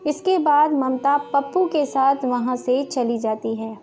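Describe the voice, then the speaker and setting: A woman narrates a moral story in a steady, plain manner. Her voice sits high. Soft music plays faintly behind her. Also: measured pace.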